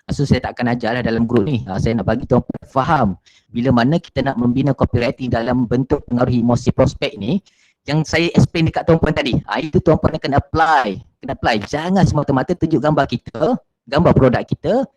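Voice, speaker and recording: A man's voice: mid-range voice, a little fast, a little mellow, poor audio. A man teaches an online business class as a marketing trainer. He repeats his points, keeps addressing his listeners politely, and fills gaps with short "ha" and "eh" sounds. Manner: frequent filler sounds "ha" and "eh".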